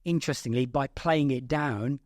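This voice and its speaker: A man, a public speaking coach, talking as a podcast guest in a reflective, measured way. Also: medium pitch, darkish tone, no echo, studio quality. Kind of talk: casual interview chat.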